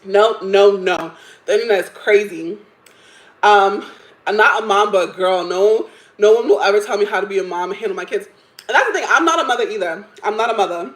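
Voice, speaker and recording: A woman's voice: medium pitch, brisk, echoey room, rough recording. Chatty opinionated woman in her thirties. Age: 30s. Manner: chatty, opinionated, laughs often, many "like" fillers. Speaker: livestream host. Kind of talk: casual chat reacting to stories and chat comments.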